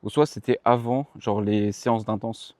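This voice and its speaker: A young man talks casually about his training in a mellow, darker voice, sounding tired. He rambles, restarts his sentences and drops slang. The recording is dry and close. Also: fairly low pitch, steady tone, normal speed, dry recording. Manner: rambling, self-correcting, slangy. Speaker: running vlogger. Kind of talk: casual vlog chat to the viewer. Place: outdoors.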